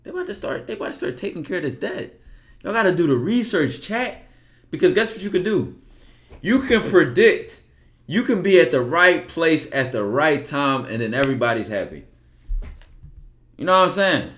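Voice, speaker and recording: A man's voice: on the high side, sing-song, normal speed, fairly bright tone. A man hosting a live stream and taking callers, talking bluntly and loosely, with swearing and rhetorical questions. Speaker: streamer hosting call-ins. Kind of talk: casual live-stream chat.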